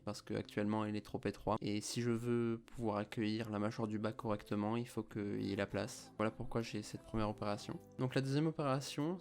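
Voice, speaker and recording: A young Frenchman in his early twenties talks through a personal explainer at an average male pitch, with music behind him. His s sounds come out a little slushy in a slight lisp, and his words are slightly chewed. He has a French accent. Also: a little mellow. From France. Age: early 20s. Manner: slightly mumbled articulation, chewing his words. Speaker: vlogger telling of his own treatment. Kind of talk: explanatory vlog talk to camera.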